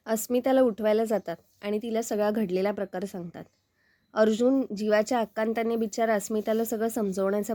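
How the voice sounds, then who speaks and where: A woman reviewing a TV serial episode, briskly retelling the plot and quoting the characters' lines. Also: medium pitch, mellow, no room sound.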